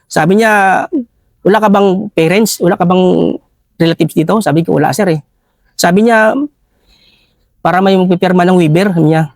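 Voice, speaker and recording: Filipino ex-soldier interviewee, high-pitched, halting and deferential, in a dry, close-miked room. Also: male voice, vocal fry, no room sound. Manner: halting, addresses listener as sir constantly. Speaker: retired army ranger scout. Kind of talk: recounting a war story in an interview.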